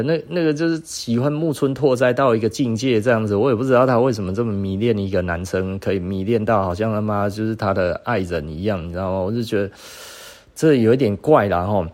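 Podcast host: a man with a Taiwanese accent, swearing, mocking, with a dark warm tone. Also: on the low side. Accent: Taiwanese Mandarin. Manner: profane, scornful, laughs often. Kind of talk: casual storytelling rant.

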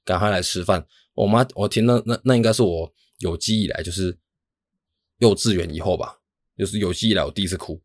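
A young man tells a story in a low voice, rushing through his words. He rambles and mocks himself, with restarts. The sound is dry and close. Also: a little mellow, no room sound. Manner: rambling, self-mocking, talks fast with many restarts. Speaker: podcast host. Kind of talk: casual storytelling monologue.

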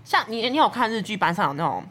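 Fast, lively young Taiwanese woman. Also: medium pitch. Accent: Taiwanese Mandarin. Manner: animated storyteller, acts out quotes. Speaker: podcast co-host. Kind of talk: casual chat.

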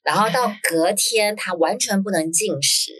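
Speaking at a medium pitch with slight background noise, an author and schoolteacher appearing as a guest recounts a personal story. She's animated and conversational, using lots of fillers and rapid "yes, yes" replies.

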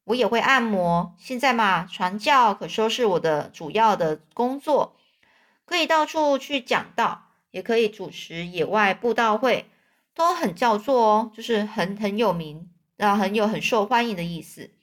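A woman's voice: mid-range voice, animated, moderate pace, lightly acted. A woman storyteller voicing a boastful old male swindler who poses as a preacher, talking in a brash, defensive way.

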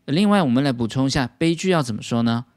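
A man's voice: mid-range voice, animated, quick pace, a little mellow, dry recording, clean studio sound. A man teaching English vocabulary as a patient lesson, explaining words step by step.

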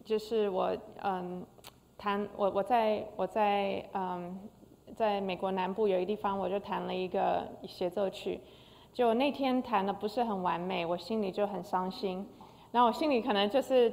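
A woman's voice: mid-range voice, vocal fry, a little mellow. An older woman, a concert pianist, giving an emotional personal testimony with frequent hesitations. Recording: long hall reverb.

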